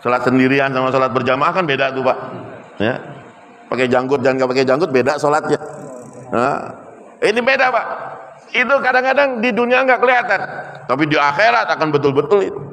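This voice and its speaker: A man preaching a sermon in a fairly high voice, shifting into animated storytelling. Long reverb from a large hall trails his words. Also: a little fast, long pauses, slight background noise. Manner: animated storytelling with acted quotes.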